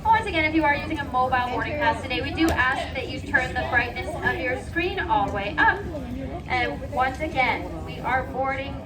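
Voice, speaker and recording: A woman gate agent giving a formal, scripted airport boarding announcement over loudspeakers. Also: sits high, animated, moderate pace. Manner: formal, scripted public-address delivery. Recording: distant airport PA, busy crowd behind.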